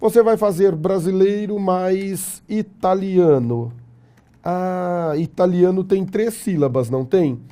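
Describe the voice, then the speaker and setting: A Brazilian man lecturing a class in an unhurried, deliberate way. His voice is very dark and mellow, though it sits a little high for a man. He keeps it lively and jokey, tossing rhetorical questions at the room. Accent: Brazilian Portuguese. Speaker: teacher.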